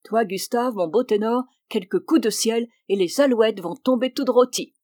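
Give me a woman voicing an eager young male music student, lively and rousing, in a dry close recording. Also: a little high, moderate pace, no room sound, lightly acted.

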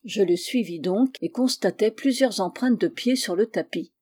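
A woman reading a story aloud as narrator, in a steady, even storytelling manner. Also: medium pitch, moderate pace, husky. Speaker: audiobook reader. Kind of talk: scripted narration.

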